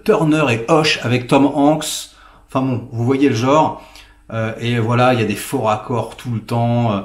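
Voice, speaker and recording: A man hosting his channel, giving a casual spoken film review in a rambling, hesitant way full of fillers. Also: medium pitch. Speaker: film critic, channel host. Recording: echoey room.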